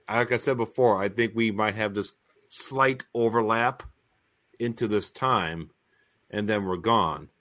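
Earnest emphatic man, low voice. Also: a bit bright. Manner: earnest, emphatic, repeats phrases. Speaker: co-host of a prophecy talk stream. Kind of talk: casual live-stream discussion.

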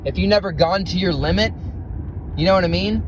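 Guy ranting in his car, swearing a lot, low quality phone audio with loud road noise. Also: a little fast. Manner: intense, profane, rhetorical questions. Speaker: podcast host. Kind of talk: motivational self-talk monologue. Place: inside a car while driving. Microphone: phone recording.

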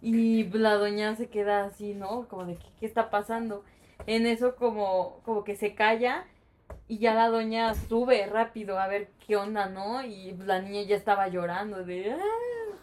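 A woman's voice: medium pitch, normal speed. Chatty Mexican woman retelling a scene. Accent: Mexican Spanish. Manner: animated retelling with colloquial fillers. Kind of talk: casual movie discussion.

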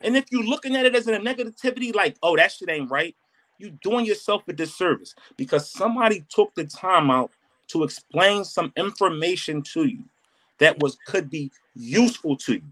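A podcast co-host with a voice that sits high and a bit bright argues emphatically on a casual show, acting out quotes and using some profanity. He speaks at a moderate pace.

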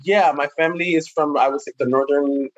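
A young man from New York, a guest actor giving long, thoughtful answers in a relaxed interview chat. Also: fairly high pitch, fairly quick, no room sound, lo-fi sound.

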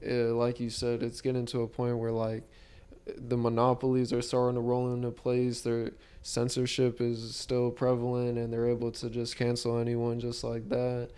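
Young man, frat-bro slang, even intonation, smooth mellow voice, earnest casual podcast chat. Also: medium pitch. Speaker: podcast host.

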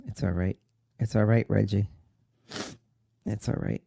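An actor playing a grieving young man who talks in a slow, halting, tearful way about his mother. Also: lowish voice, steady tone, vocal fry, warm tone, dry recording, studio quality. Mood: consoling. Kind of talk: dramatic monologue.

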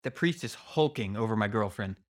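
A man's voice: on the low side, lively intonation, brisk. A man narrating a first-person horror story in a suspenseful, theatrical manner. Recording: prominent music behind voice.

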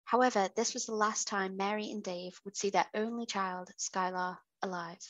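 A woman's voice: medium pitch, fairly even intonation, moderate pace, fairly bright tone, low-quality recording. A British woman hosting a podcast, reading out a true crime case with chatty asides. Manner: chatty asides while narrating. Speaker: podcast host.

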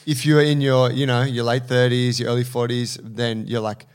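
A man co-hosting a casual podcast, animated and profane, often acting out what people think in their heads. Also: medium pitch, normal speed, clear, resonant tone. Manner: swearing, animated, acts out inner voices. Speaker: podcast co-host.

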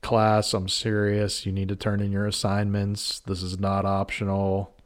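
A man's voice: fairly low pitch, monotone, measured pace, lightly acted. A man doing a stern lecturing professor. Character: stern male college professor.

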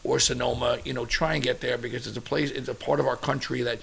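Gravelly middle-aged chef telling stories. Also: male voice, medium pitch, fast. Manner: animated storyteller, casual and profane. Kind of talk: casual interview chat.

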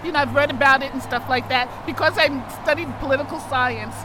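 A woman's voice: high voice, fast, music in the background, rough recording. A woman marcher in a street interview, explaining her views thoughtfully.

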